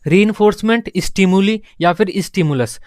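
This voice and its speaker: A man's voice: high-pitched, normal speed, dry recording, studio quality. A man teaching an exam-prep lesson, repeating key terms and asking and answering his own questions. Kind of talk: classroom lecture.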